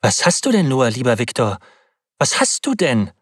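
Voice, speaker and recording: A man voicing a worried young male friend who gently scolds and frets over a pale, exhausted companion. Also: medium pitch, big pitch swings, normal speed, slightly rough, dry recording, clean studio sound. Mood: alarmed.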